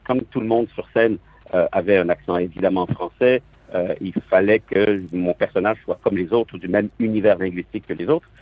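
A husky man with a light Quebec French accent, heard through a tinny phone line. He talks as a radio guest, thinking aloud with hesitant restarts. His voice sits at a middle pitch and sounds dry. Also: no room sound. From southern France. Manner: hesitant, reflective, many restarts. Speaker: stage actor, guest. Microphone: telephone.

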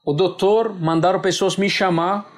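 A man whose first language is Arabic, telling a painful personal story in plain, halting phrasing as an interview guest. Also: high voice, fairly even intonation. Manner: simple, halting non-native Portuguese phrasing.

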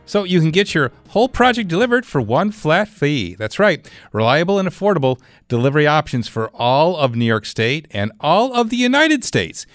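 A man's voice: fairly high pitch, very animated, normal speed, hardly any pauses, no room sound, studio quality, soft background music. A man hosting a radio show, reading a hard sell ad with emphatic, punchy salesman delivery. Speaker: radio host of a home-repair call-in show.

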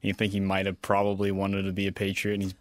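A man co-hosts a casual sports talk show. His voice sits low and sounds dry and close. He speaks in an easygoing, agreeable way, like a fan chatting with a friend. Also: monotone, quick pace, no echo. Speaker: co-host.

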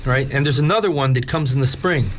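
A man's voice: medium pitch, fast talker. A man co-hosting a radio show, explaining things in casual conversation. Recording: faint background noise.

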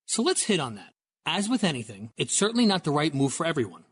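A man acts as company spokesman in a conversational, scripted radio ad. His voice is husky and a bit high, with lively swings in pitch. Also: fast.

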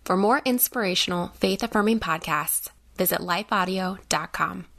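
A woman reads a brief scripted promo in an upbeat announcer voice. Her tone sits a little low, with some vocal fry. The read is short and clean. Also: normal speed, fairly bright tone. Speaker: network announcer.

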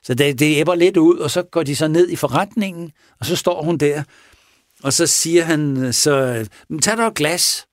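Halting man retelling a police case. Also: a little high, dry recording, clean studio sound. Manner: halting, with many pauses and restarts, acts out quoted speech. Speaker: police officer recounting a case. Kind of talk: casual spoken storytelling in an interview.

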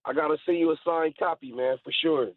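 A man's voice: on the high side, fairly even intonation, quick pace, dry recording. A man chatting casually as a call-in guest, laid-back and slangy, over a narrow phone line. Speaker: interview guest. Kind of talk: casual chat.

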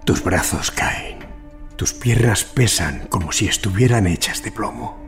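A man's voice: lowish voice, measured pace, vocal fry, soft background music. A man playing an earnest, commanding physician and hypnotist in a period audio drama. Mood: hypnotic, hushed.

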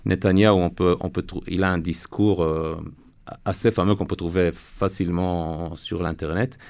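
Male interview guest, non-native French with foreign accent, very low gravelly register, earnest and halting delivery. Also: fairly even intonation, darkish tone. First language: not French. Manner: earnest, halting phrasing with searching for words. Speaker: interview guest, lawyer and reservist. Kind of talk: radio interview answers.

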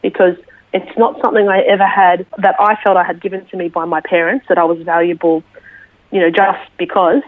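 An Australian woman, a military veteran, sharing her story slowly and reflectively as an interview guest, with many small fillers. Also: lowish voice, level tone, dry recording. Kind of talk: personal testimony interview. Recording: tinny phone line, dry.

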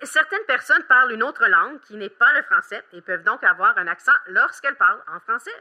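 A woman with a strikingly bright, forward voice explains simple ideas to children. She speaks patiently, a little high, stopping for small hesitations while she checks her facts. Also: animated, a little fast. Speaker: children's show expert guest.

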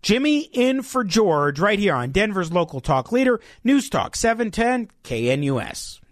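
Speaking at normal speed in a high, very animated voice, a man hosts local talk radio. His commentary and interviews are emphatic, opinionated, and conversational, recorded on a studio microphone with studio quality and no echo.

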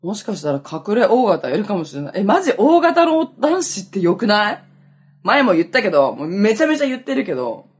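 A young woman from Okinawa hosts a relaxed solo chat show. Her voice has a slightly husky grain and swings widely in pitch. She rambles freely and keeps breaking into laughter at her own stories. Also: brisk. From Okinawa, Japan. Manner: chatty, laughs often, self-mocking. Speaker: podcast host.

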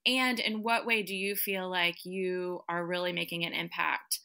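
Woman host, bright tense voice, probing casual questions. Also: lowish voice, fairly even intonation, moderate pace, creaky, clean tone. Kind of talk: interview questions.

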